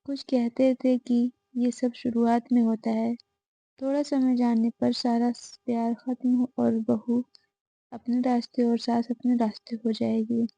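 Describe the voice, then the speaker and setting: Woman storyteller, steady scripted narration, flat and gravelly, dry close recording. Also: a little high, a little slow, dry recording. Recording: dull lo-fi audio.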